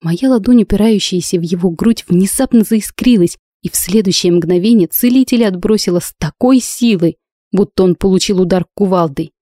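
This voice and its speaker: A woman's voice: medium pitch, a little fast, dark tone, dry recording, studio quality. Intense woman narrating an audiobook. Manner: first-person, intense and emotional.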